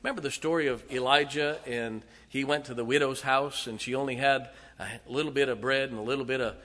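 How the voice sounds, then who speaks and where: A forty-something pastor preaching with a bright, forceful voice. He presses rhetorical questions on the congregation and swings from loud bursts to quiet asides. His sermon rings with long reverb through a church sanctuary. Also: mid-range voice, fairly even intonation, fairly quick. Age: 40s.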